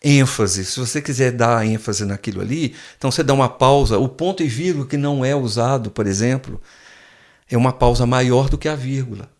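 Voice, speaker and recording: A man's voice: medium pitch, a little fast, darkish tone. A man, a guest professor who explains things patiently with frequent restarts in a casual podcast chat in a studio.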